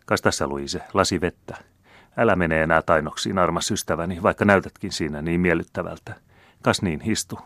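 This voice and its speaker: A male audiobook reader voicing a suave aristocratic count who speaks with smooth, condescending irony. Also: low-pitched, a bit bright, no room sound, clean studio sound. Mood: coolly mocking. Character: suave aristocratic count, coolly mocking diplomat.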